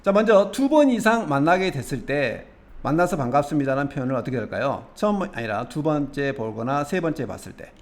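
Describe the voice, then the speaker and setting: A man leading a calm English lesson with a fairly high voice that climbs and dips a lot. He explains each phrase patiently, step by step, and keeps putting questions to the listener. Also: fairly quick. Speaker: English teacher. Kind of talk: explaining English expressions from film scenes.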